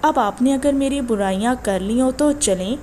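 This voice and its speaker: A woman's voice: on the high side, warm tone, lightly acted. A cold, standoffish young man, voiced by a woman reading a novel, curt and dry in manner. Faint hiss sits behind the voice. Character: aloof, cold young man, band musician.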